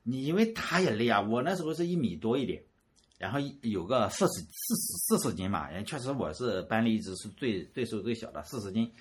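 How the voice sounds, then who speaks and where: A man from rural Shandong telling a personal story in a casual, animated way. He often repeats words and chuckles at himself. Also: fairly low pitch, fairly quick, husky. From Shandong, rural China.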